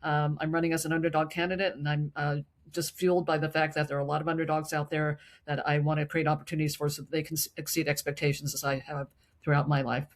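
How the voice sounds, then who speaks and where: A woman from San Francisco giving a halting opening statement at a candidate forum, with frequent uh and um fillers. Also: sits low, little pitch movement. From San Francisco, California. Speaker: gubernatorial candidate.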